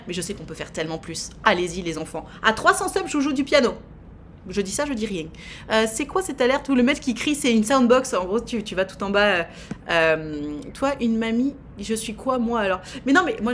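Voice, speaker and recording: A woman in her thirties hosts a live stream, chatting and teasing her viewers with plenty of fillers. Her voice sits a little high. A faint hiss runs beneath it. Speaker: streamer host. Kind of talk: casual live-stream chat.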